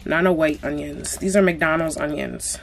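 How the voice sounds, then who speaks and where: In a home mukbang vlog, a young woman eats and talks casually, blunt and full of slang. Her voice sits low and creaky at a moderate pace, over a noisy background.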